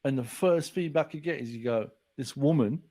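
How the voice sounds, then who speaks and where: His voice is on the high side and fairly quick. The speaker is a man in his forties, a guest author on a laid-back podcast, telling stories animatedly by acting out people's words.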